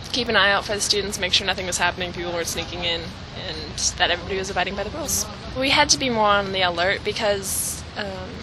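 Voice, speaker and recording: A young woman, a former resident assistant, explaining dorm life in a measured interview answer. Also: medium pitch, background noise.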